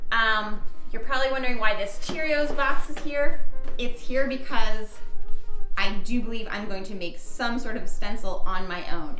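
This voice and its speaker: Chatty woman vlogger, bright upbeat tone, room echo with faint music behind, walking-tour narration. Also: fairly high pitch. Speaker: home decor vlogger. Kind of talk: casual home tour narration. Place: home basement rooms.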